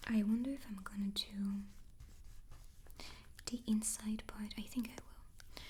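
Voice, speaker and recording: A woman doing a whispered ASMR chat in a soft, playful, chatty way. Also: mid-range voice, level tone, measured pace, slight background noise. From France. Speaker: ASMR creator and host.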